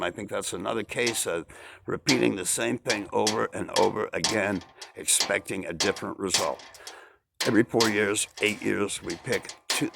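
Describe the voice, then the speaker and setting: A man's voice: deep voice, vocal fry, background noise. A man talking in a rambling casual monologue, repeating himself and asking rhetorical questions. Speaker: vlogger.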